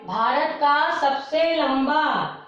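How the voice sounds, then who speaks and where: A high-pitched woman takes a class slowly through a vocabulary list. She repeats each word and corrects pronunciation with steady patience. Her voice sounds far from the mic, with heavy room echo, a dull lo-fi tone and faint music underneath. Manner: slow, patient, repeats words for pronunciation drill. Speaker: Sanskrit teacher. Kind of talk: classroom lesson explaining word meanings.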